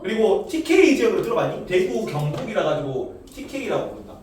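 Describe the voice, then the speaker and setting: A man teaching a class in a lively, teasing way, his pitch swinging up and down as he fires questions at the room. His voice sits a bit high for a man. The mic picks him up from a distance, and the classroom echoes heavily around him. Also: a little fast. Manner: lively, teasing, quizzes students aloud. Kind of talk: classroom lecture with student banter.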